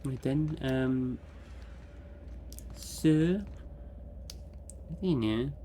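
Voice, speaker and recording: Slow, muttering man playing a game. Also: medium pitch, warm tone, a little hiss or hum. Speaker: gamer playing and commenting. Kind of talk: casual let's play commentary.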